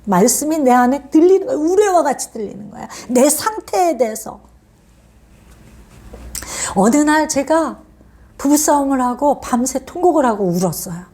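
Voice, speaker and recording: Emphatic woman preacher with a high, lively voice. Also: moderate pace, long pauses. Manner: earnest and emphatic, repeating key phrases; swings between lifted exhortation and hushed asides. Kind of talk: sermon.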